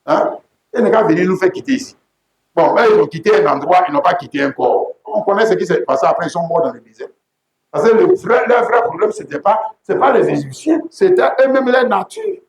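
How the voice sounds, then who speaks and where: A man preaching a sermon as pastor, emphatic and repetitive, often breaking into shouts. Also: high voice, very animated, a little fast. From Côte d'Ivoire. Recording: echoey room.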